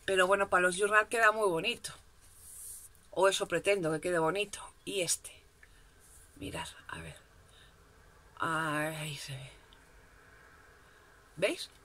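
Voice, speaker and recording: A chatty woman talks casually at her craft desk. Her voice is very bright and sharp, and her manner is self-mocking. The overhead camera picks up a faint hiss in the background. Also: mid-range voice. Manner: chatty, self-mocking, frequent "¿vale?" check-ins. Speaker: crafting vlogger. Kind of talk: casual shopping haul chat. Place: home craft desk, indoors.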